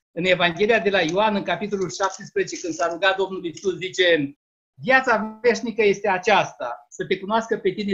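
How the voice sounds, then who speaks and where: A man with a Romanian accent gives an earnest, slow, deliberate Easter sermon over a video call. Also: sits high, a bit bright. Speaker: lay preacher. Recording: muffled video-call audio.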